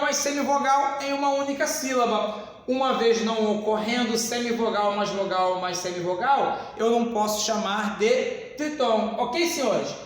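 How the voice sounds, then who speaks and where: A man's voice: very high-pitched, a bit bright. A man teaching a grammar lesson to a class, speaking emphatically and addressing the students formally. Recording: echoey hall with long reverb.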